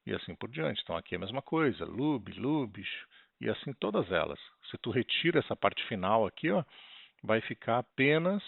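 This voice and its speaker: Male Brazilian Portuguese language teacher, patient, deliberate delivery; dry, phone-like audio. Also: medium pitch, vocal fry, no room sound. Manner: slow, explanatory, spells out words carefully. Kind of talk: recorded online lesson. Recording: tinny, lo-fi and dry.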